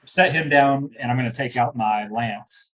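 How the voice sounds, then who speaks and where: A man's voice: mid-range voice, moderate pace, fairly bright tone, poor audio. A man playing a tabletop game, hesitant and asking about the rules. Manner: hesitant, asks rules questions. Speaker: player.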